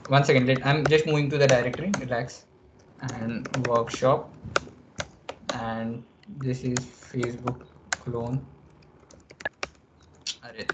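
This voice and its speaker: A young man with an Indian accent giving a casual, halting screen-share tutorial, thinking aloud as he goes. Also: medium pitch, noisy background. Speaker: workshop presenter. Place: online video call, screen share. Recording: dull lo-fi call audio, typing clicks.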